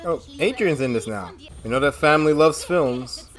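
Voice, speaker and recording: Woman reaction host, low register, swooping expressive delivery, casual commentary, music underneath. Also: moderate pace.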